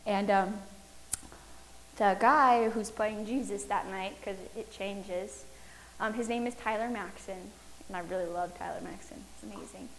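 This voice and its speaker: A woman's voice: medium pitch, fairly even intonation, a little slow, a little hiss or hum, poor audio. A young woman giving a chatty devotional talk, telling a personal story and often checking in with her listeners. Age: young adult. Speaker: youth speaker.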